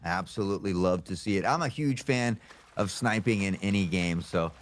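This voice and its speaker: A man doing esports caster play-by-play, calling game action in punchy, excitable bursts. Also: low-pitched, normal speed, slight background noise.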